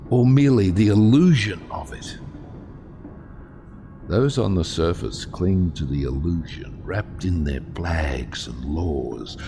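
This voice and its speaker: A man voices a self-exiled, brooding, proud submarine captain for an audio drama, speaking in a gravelly, warm, lowish voice. His delivery is heavily acted, deliberate, theatrical and grandiose.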